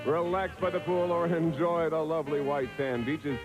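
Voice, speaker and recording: A man booming out prize descriptions as a game show announcer, in a showman's delivery, on a 1980s TV broadcast. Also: moderate pace. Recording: 1980s TV broadcast over music.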